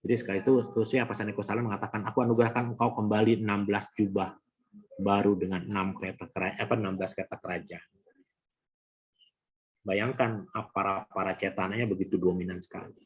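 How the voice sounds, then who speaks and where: Middle-aged male teacher, husky low voice, chatty lecture tone, dull lo-fi sound. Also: level tone, quick pace. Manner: conversational, addresses audience directly. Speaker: Abhidhamma teacher. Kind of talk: Buddhist class lecture. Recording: dull lo-fi recording.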